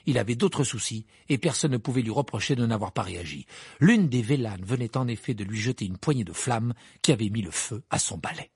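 Expressive husky male audiobook narrator. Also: mid-range voice, brisk, dry recording, clean studio sound. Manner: expressive, animated reading. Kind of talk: scripted narration.

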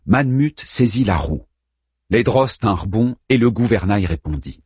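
Husky, lively male audiobook narrator. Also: fairly low pitch, no echo, clean studio sound. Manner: expressive, vivid storytelling.

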